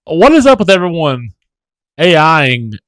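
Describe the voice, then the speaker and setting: A man's voice: a little high, sing-song, unhurried, fairly bright tone, dry recording. A man co-hosting a casual podcast, easygoing and joking, laughing along. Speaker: podcast co-host. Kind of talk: casual chat.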